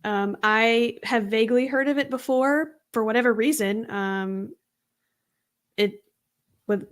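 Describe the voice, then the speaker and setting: A woman's voice: on the high side, takes it slowly. A young adult woman co-hosting a true crime podcast, chatting casually with lots of ums and easy laughter. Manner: giggly, filler-heavy, easygoing. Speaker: podcast co-host.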